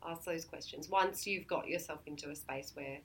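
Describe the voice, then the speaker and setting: A woman's voice: low voice, normal speed, a little hiss or hum. A woman guest in a casual talk who is losing her voice and explains research conversationally. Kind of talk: casual chat.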